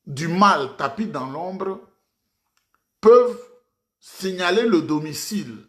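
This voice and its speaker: Guy ranting about politics, kinda high voice, repeats himself a lot, talks to the crowd like a speech. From Ivory Coast. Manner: declamatory, repeats phrases for emphasis, addresses audience formally. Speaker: political commentator. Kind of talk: impassioned political commentary.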